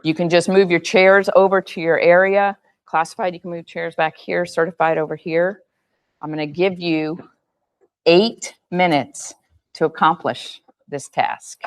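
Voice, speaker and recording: Low-voiced woman running a meeting. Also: fairly even intonation, unhurried. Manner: directive, step-by-step. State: losing her voice. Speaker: meeting facilitator. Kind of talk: giving group instructions. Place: meeting room.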